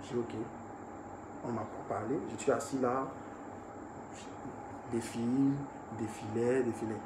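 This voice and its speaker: Animated man retelling a story. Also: mid-range voice, measured pace. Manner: animated retelling, swings from hushed to raised. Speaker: artist recounting an incident. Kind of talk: storytelling to viewers. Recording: echoey room with faint ambient noise.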